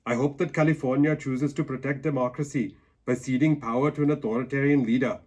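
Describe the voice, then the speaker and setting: Husky parody ex-governor, played by a man. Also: medium pitch, fairly even intonation, fast, darkish tone, lightly acted. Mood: earnest absurdity. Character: reluctant, illogical male former governor guest, parody. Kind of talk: scripted parody news interview.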